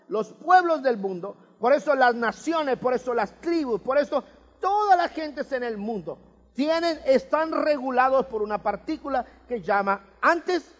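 Man preaching, very high voice, lively swooping delivery, long hall reverb, dull lo-fi sound. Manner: emphatic preaching with rhetorical questions and humor. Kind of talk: sermon. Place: church hall.

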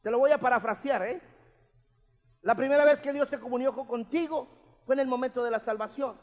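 A man's voice: very high-pitched, a little fast. A man, preaching a sermon as pastor in a conversational way, often checking in with his listeners. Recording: long hall reverb.

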